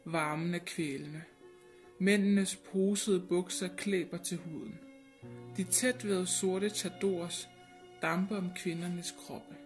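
Grave woman narrating over music. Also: lowish voice. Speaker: audiobook reader. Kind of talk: scripted narration.

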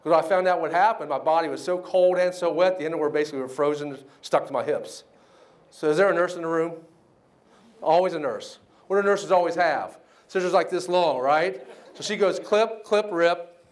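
A middle-aged man from the United States giving a keynote speech at a banquet. He tells a story with lively quoted voices and keeps checking in with the crowd. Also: on the high side, fairly quick. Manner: animated storyteller, acts out quotes, asks the crowd "right?". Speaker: keynote speaker.

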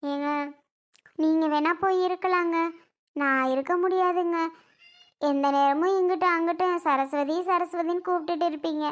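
A woman's voice: very high voice, fairly even intonation, moderate pace. A woman acting in a melodramatic family skit, pleading in a tearful voice.

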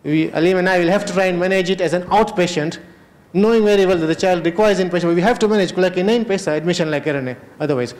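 In a big hotel conference hall, a middle-aged moderator with a Kenyan Memon accent runs an unscripted health panel discussion, handheld mic in hand. His voice is fairly high with a darkish tone, his speech rapid-fire and loose, mixing English with Kutchi phrases.

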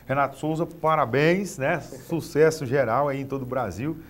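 Interviewed on his feet in a TV studio, the rodeo announcer, a middle-aged Brazilian man, speaks at normal speed in a mid-range voice. His relaxed delivery includes frequent repetition of small words as he looks for the next phrase.

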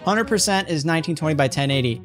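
A young man streaming a video game, talking excitedly at his desk, yelping and swearing at what happens on screen. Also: on the high side, quick pace. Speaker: gaming streamer. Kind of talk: excitable gameplay commentary. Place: at a computer desk. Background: background music.

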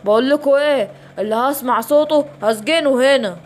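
Brief: woman doing a bossy, bragging villain lion, Egyptian, bedtime storybook, high voice. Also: fairly quick, slight background noise, natural voice. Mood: gloating. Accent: Egyptian Arabic. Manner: boastful, bossy. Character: scheming male lion villain inventor. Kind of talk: children's bedtime story voicing.

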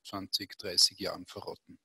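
Husky man with dry irony. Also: low voice, little pitch movement, moderate pace, bright, forceful tone, no room sound. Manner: dry, ironic humor. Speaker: artist guest.

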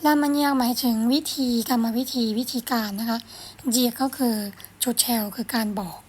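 A woman with a high voice teaches a French lesson. She reads each phrase slowly and carefully, then explains it in a gentle, encouraging way. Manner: slow, careful reading of French phrases between quick Thai explanations; gentle, encouraging, ends phrases with polite particles.

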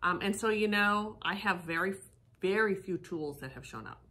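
A woman's voice: mid-range voice, moderate pace, bright, forceful tone. A middle-aged woman giving casual commentary, thinking aloud and searching for her words. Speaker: psychic co-host of a reaction show. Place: living room with fireplace, indoors.

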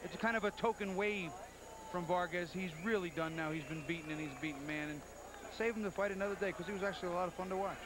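Fast-talking male boxing analyst. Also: high-pitched. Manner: explanatory, plain-spoken. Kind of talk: conversational sports commentary. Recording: noisy old TV sports broadcast. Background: loud arena ambience.

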